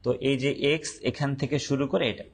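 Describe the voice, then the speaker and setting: Slow, deliberate male teacher. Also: medium pitch. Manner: slow, deliberate, repeats points and quizzes students. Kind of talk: online class lecture.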